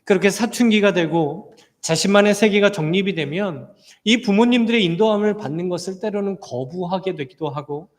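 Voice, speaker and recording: A man's voice: high-pitched, moderate pace, long reverb tail. A male pastor giving a sermon in a church, earnest and emphatic, with light storytelling humor. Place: church sanctuary.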